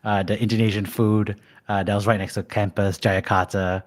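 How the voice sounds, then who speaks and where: A man's voice: on the low side, flat delivery, normal speed. A man hosting a podcast, upbeat and enthusiastic, with frequent "uh" fillers as he asks his questions. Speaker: podcast host. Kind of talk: casual interview hosting.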